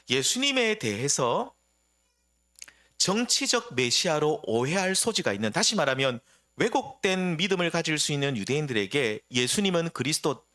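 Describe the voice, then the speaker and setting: Lively, bright-voiced preaching man. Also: on the high side. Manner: expressive preaching with rhetorical questions. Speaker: pastor. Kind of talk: sermon.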